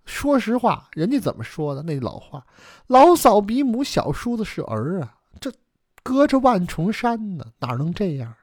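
A male storyteller voicing a gentle but insistent young wife who coaxes her husband in a raised, sing-song voice. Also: very animated, moderate pace, no echo, studio quality, exaggerated voice. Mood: pleading. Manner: coaxing, high and sing-song.

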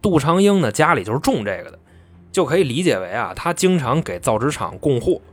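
A man tells a true-crime story in a loose, colloquial, chatty way, often pausing to explain. His pitch moves in a lively way. The voice is dry and close, with faint music underneath. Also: dry recording.

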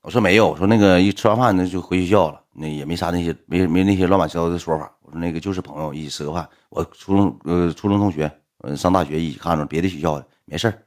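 Speaking fast with few pauses, a young Northeastern Mandarin speaker tells an audience a story in a deep, darkish voice. His casual telling is blunt and colloquial, with occasional swearing, and he acts out both sides of the conversation.

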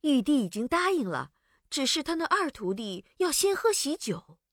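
A man voicing polite, fussy female court officials with a high, formal manner. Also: big pitch swings, moderate pace, fairly bright tone, dry recording, clean studio sound, exaggerated voice. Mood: courteous.

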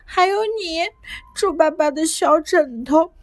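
A woman voicing an angry little boy who shouts and whines in outbursts. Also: animated, slow pace, dry recording, full character voice. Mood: tender. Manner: shrill, whiny outbursts.

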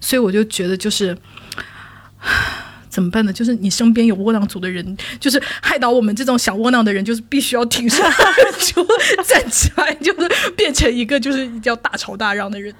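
A woman telling stories in a casual chat, animated, often laughing and building to mock outrage. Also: on the high side, fairly quick, dry recording.

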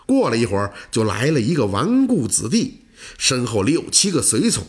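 Husky, animated male storyteller. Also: mid-range voice, normal speed. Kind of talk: folk tale narration.

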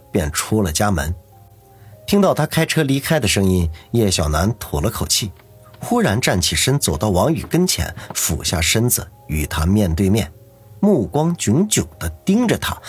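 A man narrating an audiobook novel in a steady storytelling manner. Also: on the low side, moderate pace, slightly rough, faint music behind. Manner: steady storytelling, doing every character.

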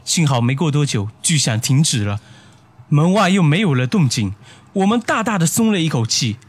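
A man narrating a first-person horror story in a hushed, suspenseful manner. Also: fairly high pitch, very animated, moderate pace, husky, dry recording.

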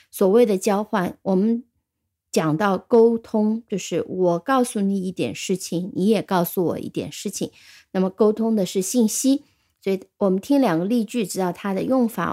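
A woman's voice: mid-range voice, warm tone. A woman teaching an English vocabulary lesson, speaking patiently and spelling words out letter by letter, with Chinese as her first language.

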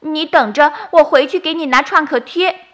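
A woman's voice: sits high, normal speed, pitched above the performer's own voice, lightly acted. A woman voicing a small child who speaks earnestly and apologetically in a bedtime story.

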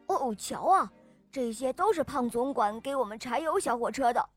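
A woman's voice: sits high, animated, moderate pace, pushed and bright, faint music behind. A woman doing a smug, cheery diesel engine. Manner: boastful, showing off.

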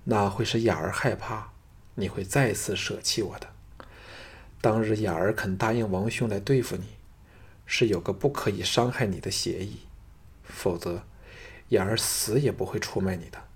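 A man's voice: fairly low pitch, normal speed, husky. A man voicing a lovesick young noblewoman who begs and pleads breathlessly. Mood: pleading. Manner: breathless, imploring.

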